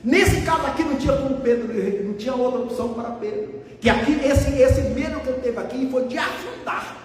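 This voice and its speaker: A man's voice: extremely high pitch, brisk, soft background music. A man preaching a sermon to his congregation, emphatic and conversational as he speaks to them directly. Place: church. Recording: echoey hall from far off, faint noise.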